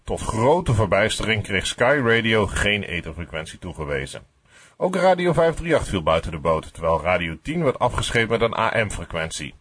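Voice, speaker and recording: A man narrating a scripted radio history documentary as a podcast, with a husky voice. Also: fairly low pitch, sing-song, normal speed, a bit bright, no room sound.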